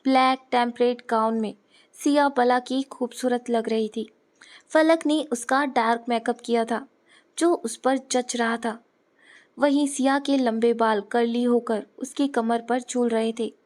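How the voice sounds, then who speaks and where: A woman narrating a dramatic audio story in a steady storytelling manner. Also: a little high, a little slow.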